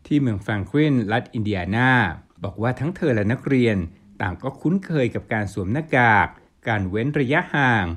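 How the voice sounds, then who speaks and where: A man reporting the news, reading a formal script in a polite, measured way as a studio voice-over. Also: mid-range voice, lively intonation, fairly bright tone, slightly rough. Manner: polite formal delivery with Thai polite particles.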